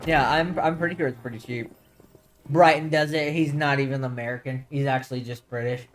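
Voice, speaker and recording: A man co-hosting a loose podcast conversation, rambling from one joke to the next and laughing often. His pitch sits right in the middle, neither high nor low. Faint music plays in the background. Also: fairly even intonation, brisk. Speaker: podcast co-host. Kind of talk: casual chat.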